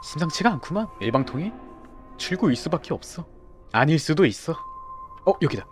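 Playing a horror game live, a young streamer narrates the action and banters with teammates, yelping and shouting in excitement when startled. His voice is on the high side, his pace fairly quick, and soft music sits behind him.

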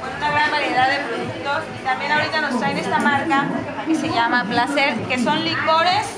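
A woman's voice: high voice, steady tone, brisk. A woman chattily walking a camera through a holiday bazaar, enthusiastically recommending the stalls and their handmade goods. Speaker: host touring a holiday bazaar. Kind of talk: casual walkthrough narration. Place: large indoor hall at a crowded bazaar. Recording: echoey hall with loud crowd and music.

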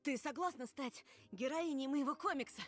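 A woman's voice: high-pitched, moderate pace, soft background music, lightly acted. A woman voicing a shy, earnest young schoolboy artist in a visual novel game. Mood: hushed, earnest.

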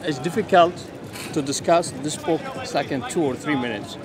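A man from Iraq, his voice a touch high. He speaks haltingly and repeats words as he pleads his point outdoors. Crowd chatter carries behind him. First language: Arabic. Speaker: passer-by in a debate. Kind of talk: heated street debate. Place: outdoor park plaza.

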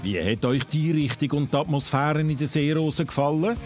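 A man's voice: on the high side, fairly even intonation, brisk. A man narrating a restaurant show in a scripted, playful voice-over. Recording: music bed under the voice.

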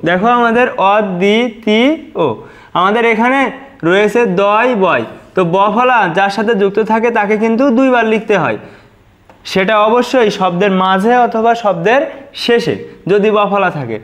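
A male teacher giving an exam-prep pronunciation lesson, patiently repeating each syllable slowly. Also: sits high, lively intonation, a bit bright.

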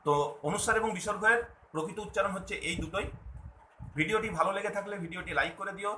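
A man's voice: high-pitched, fast talker, pushed and bright, roomy sound, slight background noise, poor audio. A man giving a video lesson to viewers, patiently explaining and repeating, often asking a question and then answering it himself. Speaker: Bengali language teacher.

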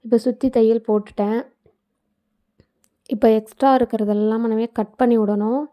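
A woman narrates her own sewing tutorial in a casual, explanatory voice-over, breaking off for chatty asides. Her voice sits a little high. The recording is dull and lo-fi, as if made on a phone. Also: steady tone, moderate pace. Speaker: tailoring channel host.

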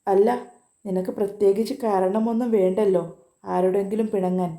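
A woman's voice: mid-range voice, steady tone, normal speed, close to an everyday voice. A woman voicing a teasing, loving young man. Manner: playful, gently teasing. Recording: roomy echo.

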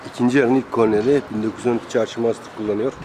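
This football commentator talks rapid-fire in a warm, steady, medium-pitched voice. He gives live play-by-play in clipped phrases, calling out player names at an outdoor amateur match. An outdoor crowd can be heard behind him.

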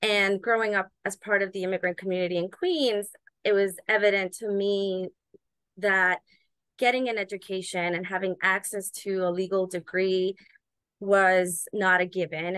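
A woman's voice: on the low side, fairly bright tone, no room sound. Earnest woman on a video call, dry sound. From Ecuador. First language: Spanish. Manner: earnest, measured, with frequent fillers. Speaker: immigration attorney, panelist. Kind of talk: webinar panel answer. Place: indoor room on a video call. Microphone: video call webcam.

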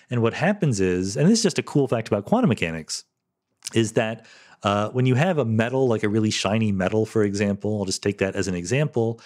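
This solo podcast Q&A features a middle-aged male host with a lowish, darkish voice. He answers listeners' questions thoughtfully and casually, revising sentences as he goes and laughing a little.

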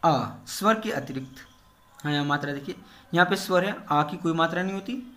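A man's voice: a little high, a little fast, pushed and bright. A male teacher giving a grammar lesson, explaining step by step and repeating key terms in English. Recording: echoey room.

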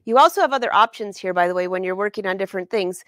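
Speaking very fast in a mid-range, slightly bright voice, a woman in her forties chats upbeat through a live sewing lesson in her studio and responds to viewers by name. She is a sewing educator and brand ambassador, and the recording has no echo.

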